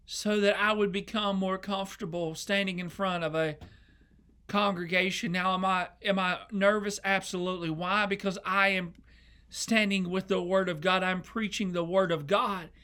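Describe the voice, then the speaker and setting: A man's voice: high-pitched, fairly even intonation, moderate pace, pushed and bright, smooth. A young man preaching a sermon as an associate pastor, earnest and emotional, often repeating himself. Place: church sanctuary.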